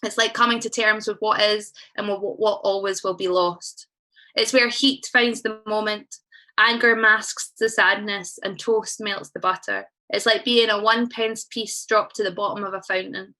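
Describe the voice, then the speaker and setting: Bright-voiced Scottish woman poet. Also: medium pitch, steady tone, moderate pace, rough recording. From Scotland. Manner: chatty, sweary and self-deprecating between poems. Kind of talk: spoken word poetry and storytelling at a live event. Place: live stage event.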